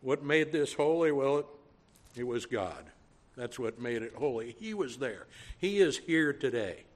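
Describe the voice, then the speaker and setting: A man with a Cajun accent preaching a sermon, teaching in a measured way and driving points home through repetition. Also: medium pitch, expressive. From Louisiana.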